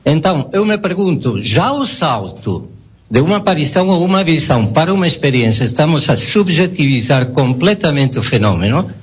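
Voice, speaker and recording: At a public debate, a man from the audience asks a careful, perplexed question in Portuguese, which is not his first language. His voice is on the high side, husky and sing-song, and fairly quick. The recording is dull and lo-fi.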